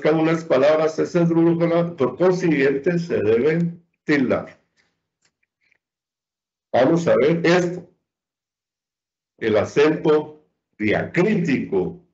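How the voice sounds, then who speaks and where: A male teacher with a fairly high, slightly mellow voice gives a virtual lecture on spelling rules, posing and answering his own questions and drawing out the example words for emphasis. He's on a computer mic over a video call, so the online lecture audio sounds dull and lo-fi.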